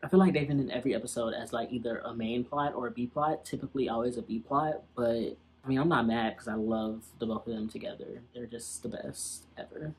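A man's voice: mid-range voice, fairly quick, hardly any pauses, breathy edge. A young man giving casual, slangy and sassy commentary as he reacts to an old TV episode.

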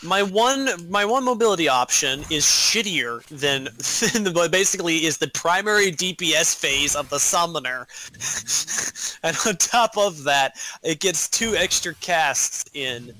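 A man's voice: on the high side, expressive, unhurried, bright, forceful tone. A man in casual gaming chat, ranting animatedly and swearing while explaining changes to his class.

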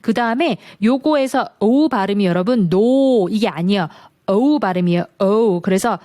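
A woman teaching an online English lesson, explaining step by step and slowly modelling English phrases. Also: medium pitch, warm tone, dry recording.

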